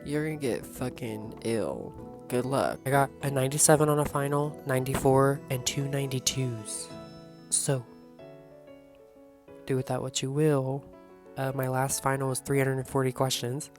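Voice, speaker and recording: A young woman vlogging casually, hoarse and coughing, rambling excitedly and swearing freely. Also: extremely low pitch, moderate pace. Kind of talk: casual vlog talk. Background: background music.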